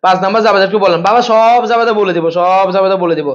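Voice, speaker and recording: Guy teaching accounts on a live class, high voice, talks super fast, dull lo-fi stream audio. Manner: rapid-fire, repeats himself and quizzes students.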